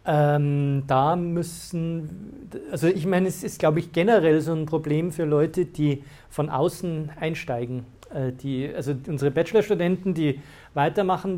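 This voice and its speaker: A university lecturer in a lecture room explains study rules to his students in a slightly high, mellow voice. He sounds hesitant, with many fillers and restarts, and laughs now and then.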